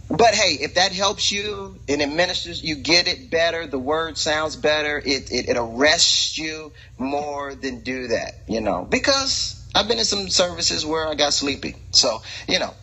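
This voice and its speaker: A man hosting a casual talk show, rambling and preachy with lots of fillers, in a husky voice. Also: fairly high pitch, expressive, unhurried, few pauses, pushed and bright, rough recording. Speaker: podcast host and preacher. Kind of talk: casual chat.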